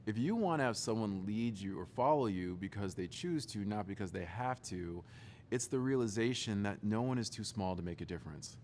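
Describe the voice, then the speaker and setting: A man giving a motivational talk to young leaders, telling a story in an animated, joking way. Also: lowish voice, fairly quick, slight background noise. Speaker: speaker.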